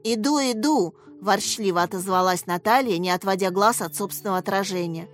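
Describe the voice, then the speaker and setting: A woman reading a children's story aloud in an expressive audiobook style, raising and brightening her voice for the characters' lines. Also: medium pitch, fairly quick, soft background music. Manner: gives each character a slightly raised, lively voice. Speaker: audiobook narrator.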